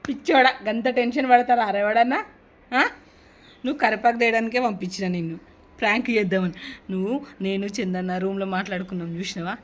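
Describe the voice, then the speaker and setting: A woman's voice: mid-range voice, steady tone, fast talker. A woman, teasing and coaxing a kid after a prank, pressing him with questions. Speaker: prank vlogger. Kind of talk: casual teasing chat.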